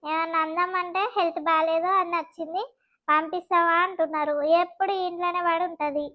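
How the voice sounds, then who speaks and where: A sulky, complaining young wife with a Telangana accent and a high voice, as a woman plays her. The audio is slightly dull and lo-fi. She grumbles in a cartoon family comedy. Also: level tone, brisk. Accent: Telangana Telugu. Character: sulky young married daughter.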